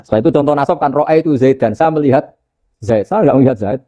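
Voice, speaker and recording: Mellow Javanese-accented preacher. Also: male voice, mid-range voice, fast, muffled recording. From Indonesia. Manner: lively storytelling, chanting Arabic examples. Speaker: Islamic preacher. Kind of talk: casual religious lecture.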